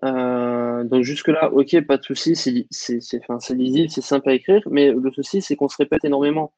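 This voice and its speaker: A man teaching a coding lesson over a screen share, explaining in a relaxed way with lots of fillers. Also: medium pitch, a little fast, dry recording. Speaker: coding instructor.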